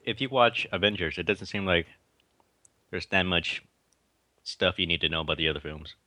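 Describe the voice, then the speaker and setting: A man's voice: deep voice, normal speed, bright, forceful tone, no echo. A man co-hosting a casual podcast, teasing and laughing, with the mic right next to his mouth. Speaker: podcast co-host.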